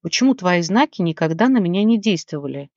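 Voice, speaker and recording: A woman's voice: fairly low pitch, expressive, brisk, darkish tone, no room sound. Audiobook: woman reading a teasing young man, short dry lines, own voice; dull recording. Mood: thoughtful.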